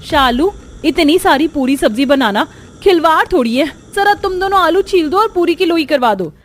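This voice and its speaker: A woman voices an exasperated young daughter-in-law in a cartoon, complaining dramatically. She speaks at a moderate pace with lively intonation, using a high pitch above her own natural voice.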